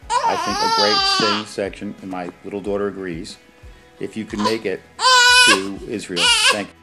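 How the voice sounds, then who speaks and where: A man from Rhode Island making a hesitant, filler-heavy webcam appeal as a fan. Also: deep voice. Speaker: fan sending a video message. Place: room indoors.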